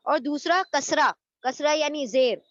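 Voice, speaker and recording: A woman's voice: sits high, fairly bright tone, muffled recording. A woman teaching an online Arabic grammar lesson, explaining patiently and repeating each term, with English words mixed into her speech.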